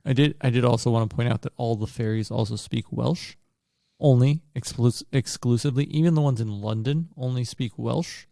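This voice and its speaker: A man's voice: medium pitch, a little fast, vocal fry, warm tone, no echo, studio quality. A man co-hosting a book podcast, talking things through in a loose, thoughtful way with fillers and restarts. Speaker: podcast co-host. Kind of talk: casual book discussion.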